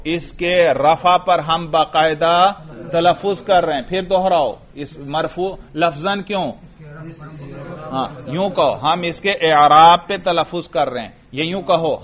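A man teaching Arabic grammar in a slow, patient way, quizzing students with repeated questions and drills. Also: on the high side, dull audio. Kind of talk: classroom grammar lesson with drills.

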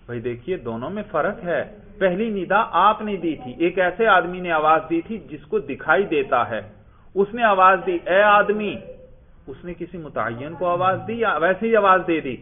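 Male grammar teacher, somewhat high voice, answers his own questions, tinny phone-quality sound. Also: expressive. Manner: asks questions and answers them himself. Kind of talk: explaining a text line by line.

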